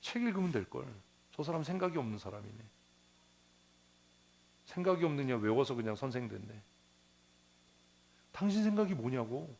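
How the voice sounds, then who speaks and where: A man's voice: medium pitch, big pitch swings, moderate pace, gravelly, pauses often, a little mellow. A male pastor preaching a sermon in a church, asking the congregation questions and answering them himself, repeating phrases for emphasis.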